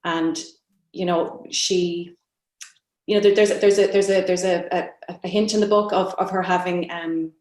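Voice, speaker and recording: An Irish woman with a low, slightly mellow voice and fairly even intonation speaks as a novelist guest on a literary panel. She gives a reflective interview answer about her own writing, halting and thoughtful as she searches for words. The room is echoey, giving the recording a roomy sound.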